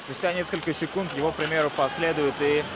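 A man's voice: on the high side, steady tone, fast talker, very noisy. A man giving live hockey play-by-play commentary in short phrases that follow the play.

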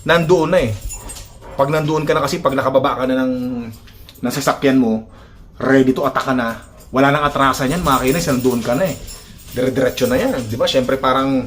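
A man talking casually to his viewers in a vlog on his phone, animated and chuckling, with lots of tag questions. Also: mid-range voice, fairly quick, faint music behind. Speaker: vlogger.

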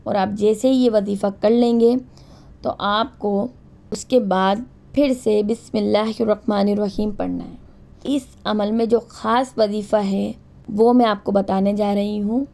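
A woman giving calm, repetitive religious instruction, reciting short phrases slowly between her explanations. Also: medium pitch. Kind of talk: spoken instruction with slow recitation.

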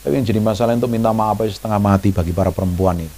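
Lively pastor preaching. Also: male voice, very fast, very noisy. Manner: animated, jumps into high mock voices when quoting people; chatty, asks the congregation questions. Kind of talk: sermon.

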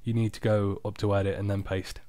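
Low-voiced man narrating a screen recording. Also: flat delivery, brisk, mellow, no room sound. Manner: informal, unpolished, off-the-cuff explaining. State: tired. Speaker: software tutorial presenter. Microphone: external microphone, close and dry.

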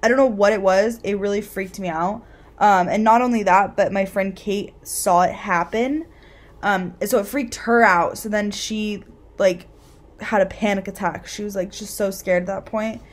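A woman's voice: medium pitch, steady tone, normal speed. A young woman in casual vlog chat, talking from her bed with lots of likes and ums into a close camera. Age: young adult. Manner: chatty, lots of fillers. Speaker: vlogger. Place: bedroom.

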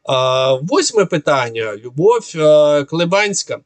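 A man talks through viewers' questions off the cuff in a somewhat high voice. He is sarcastic and combative, pausing often on filler sounds. The sound is dry and close, with no room echo. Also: very animated. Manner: sarcastic, argumentative, hesitant with frequent filler sounds. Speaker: military analyst answering viewer questions. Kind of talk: unscripted monologue.

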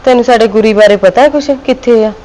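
A woman's voice: fairly high pitch, quick pace, mellow, a little hiss or hum, natural voice, rough recording. An older woman playing a worried village mother. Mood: motherly. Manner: soothing, motherly.

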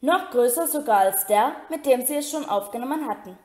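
A woman reads a story aloud in a steady, even storytelling way, now and then tripping and restarting a word. Her voice sits a little high. A roomy echo hangs around the recording. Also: a little fast. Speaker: reader. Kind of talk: amateur audiobook reading.

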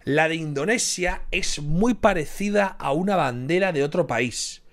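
Man from guessing aloud, slightly high. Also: lively intonation, unhurried. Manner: thinks aloud, repeats guesses, cheers himself on. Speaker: streamer reacting to a quiz. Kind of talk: casual reaction commentary. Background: quiz background music.

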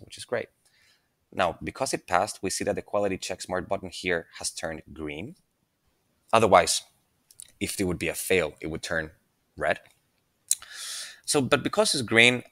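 Male tutorial presenter, low voice, dry close mic, casual and unscripted with fillers. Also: dry recording. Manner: relaxed, thinking aloud with frequent fillers and restarts. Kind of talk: screen-recorded software walkthrough.

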